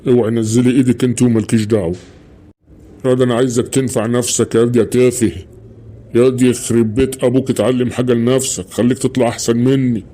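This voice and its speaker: A man playing a gruff scolding Egyptian father. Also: mid-range voice, flat delivery, quick pace, natural voice. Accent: Egyptian Arabic. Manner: loud scolding, grumbling. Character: gruff middle-aged father, scolding and easily hurt. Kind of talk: cartoon voice acting.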